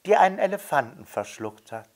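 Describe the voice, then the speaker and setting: A man's voice: very animated, a little fast, vocal fry, a little mellow, heavily acted. A man voicing a small blond boy who cheerfully and insistently keeps asking for something. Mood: delighted. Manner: high, pleading, repeats demands.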